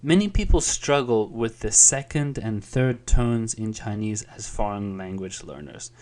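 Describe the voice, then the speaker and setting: A man's voice: on the low side, unhurried. Man patiently teaching a language lesson. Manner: calm, patient explaining with occasional fillers. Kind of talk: explanatory online lesson.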